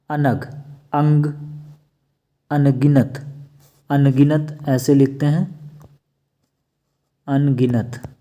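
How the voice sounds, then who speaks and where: Male teacher, very slow and measured, dark mellow voice, drills each word in turn. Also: mid-range voice. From India. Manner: slow, repeats each word, contrasting wrong and correct forms. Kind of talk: slow spelling lesson.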